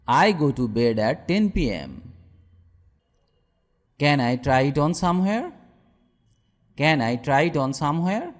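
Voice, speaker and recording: Slow-drilling man, lively pitch. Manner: slow, each phrase said twice. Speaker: English teacher. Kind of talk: repeated phrase drills. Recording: long hall reverb.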